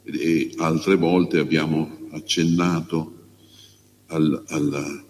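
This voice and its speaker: A man, a priest, reading the gospel and preaching a homily in a slow, measured, pausing way. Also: rumbling low, flat delivery. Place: church. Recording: long church reverb, faint hum.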